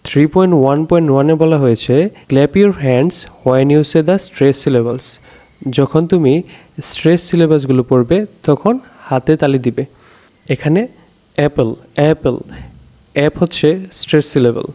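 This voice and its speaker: A man teaching a primary English lesson, explaining step by step and slowing down to sound out English words. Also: a little high, mellow. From Bangladesh. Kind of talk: classroom lesson.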